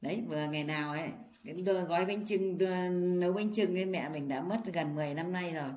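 A woman's voice: lowish voice, fast talker, darkish tone. A woman, reading her old poems aloud in a casual vlog and often breaking into laughter. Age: 60s. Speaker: vlogger.

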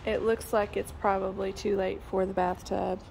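In a casual phone-filmed walkthrough, a woman who works as a real estate agent tours an unfinished house, indoors and in the yard, musing aloud with lots of ums. She speaks at a moderate pace in a mid-range, darkish voice with vocal fry and little pitch movement, over a bit of hiss or hum.

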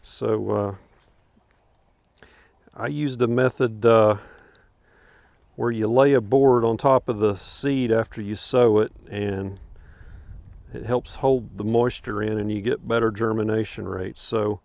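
Giving a relaxed tour of his garden outdoors, an older homesteader talks from behind a handheld camera, rambling with many fillers and chuckles. His voice is on the low side, slow, creaky and a little mellow, with fairly even intonation, frequent pauses and no room sound.

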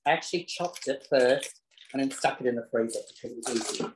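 Over a noisy background, a fast-talking man with a mid-range voice presents a casual live cooking demo in his home kitchen. Camp and chatty, he throws in cheeky asides; a self-set camera picks him up along with the echo of a roomy kitchen.

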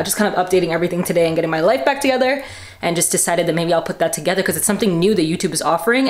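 Young female fitness vlogger, chatty and rambling, a bit low-pitched, talking to camera at home. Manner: chatty, rambling, lots of fillers. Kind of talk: casual vlog chat. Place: at home indoors.

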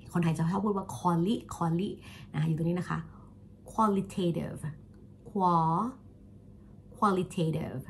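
A Thai woman who teaches English, talking through a self-review and drilling words slowly with a Thai accent. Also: fairly low pitch, a little hiss or hum. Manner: thinks aloud, restarts and repeats words slowly to drill pronunciation. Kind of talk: self-review and pronunciation lesson.

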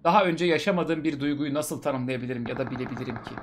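A man's voice: medium pitch, fast talker, noisy background. A male host reading a story aloud for laughs, breaking off for mocking asides. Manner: mocking asides between read passages. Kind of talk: comedic dramatic reading with commentary.

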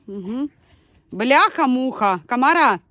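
A woman from Ukraine, a dog breeder, chatting casually outdoors in a village yard and shouting her dogs' names between laughs. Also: sits high, expressive, a little slow, no echo, lo-fi sound. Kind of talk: casual vlog commentary.

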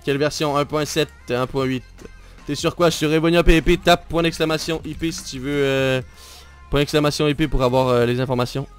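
Hosting a live game stream, a man with a Québécois French accent chats casually over soft background music, teasing and bantering with his friend and speaking straight to viewers. His voice sits on the high side, clean in tone, with fairly even intonation and a slightly fast pace.

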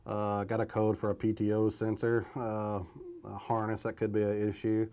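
A man's voice: on the low side, completely flat delivery, moderate pace, dark tone, smooth. A man in his forties, a service manager, explaining things plainly in a casual interview in an office. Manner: plain, matter-of-fact explaining. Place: office, indoors.

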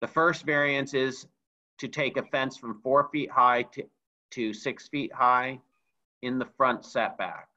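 Bright-voiced man chairing a call. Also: mid-range voice, steady tone, a little slow, dull audio. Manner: repeats and restates points carefully. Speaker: zoning board chair. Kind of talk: video call meeting. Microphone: video call.

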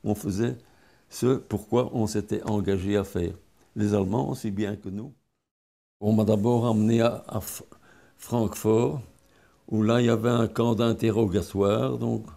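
An older man from Belgium, recounting his memories in an interview in a halting way, often restarting and repeating words. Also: lowish voice, fairly even intonation, gravelly, mellow. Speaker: interviewee, former wartime pilot.

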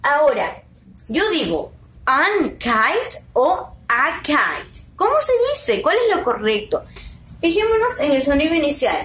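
A woman with a high, very lively voice gives a bilingual lesson to young children. She is slow and patient, asking questions and repeating every word. The room sounds large and echoey, with faint noise in the background.

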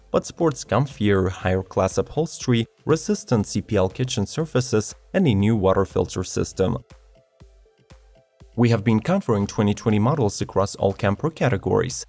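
Low-voiced male product narrator. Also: no echo. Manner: even, measured reading of specs. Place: studio voice-over. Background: faint background music.

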